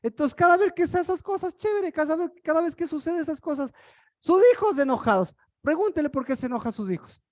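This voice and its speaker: A woman's voice: sits high, a little mellow, no room sound. A woman preaching a sermon, firing rhetorical questions at the congregation.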